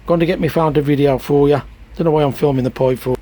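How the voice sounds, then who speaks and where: A man's voice: on the high side, steady tone, fast talker, dark tone. A man rambling in an exasperated, chatty way about his pond pump, filming on a phone outdoors in heavy rain. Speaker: hobbyist koi keeper. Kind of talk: casual vlog narration. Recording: faint rain noise behind. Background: rain and outdoor ambience.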